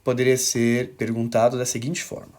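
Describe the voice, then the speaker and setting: A man with a Brazilian Portuguese accent teaching an English lesson on video, explaining slowly with examples and often checking in with a quick "ok?". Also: medium pitch, monotone, darkish tone.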